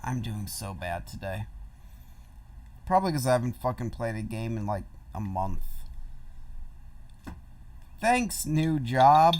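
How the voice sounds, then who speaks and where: A man's voice: on the low side, lively intonation, normal speed, darkish tone. Sarcastic young man grumbling over a game. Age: young adult. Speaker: co-host of a gaming video. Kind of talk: casual gaming commentary.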